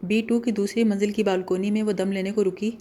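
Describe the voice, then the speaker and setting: A woman narrating a novel as an audiobook in a calm, measured way. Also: medium pitch, a little hiss or hum.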